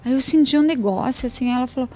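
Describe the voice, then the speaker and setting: Woman, spontaneous chatty testimony, fairly high mellow voice, soft music behind. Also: fast talker. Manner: spontaneous, chatty storytelling with frequent tag questions. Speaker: interview guest. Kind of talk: personal faith testimony.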